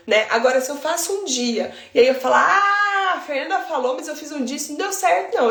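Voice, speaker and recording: A woman's voice: on the high side, creaky, echoey room. A Brazilian woman, a baby sleep consultant, explaining routines in a chatty way, often checking in with the listener. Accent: Brazilian Portuguese. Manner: chatty, explains with homely examples and frequent tag questions. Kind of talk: informal teaching monologue.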